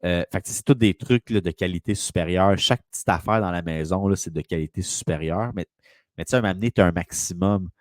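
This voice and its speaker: A man's voice: low voice, quick pace, no echo, studio quality. A man with a Quebec French accent, a real estate broker telling a long rambling story in casual conversation.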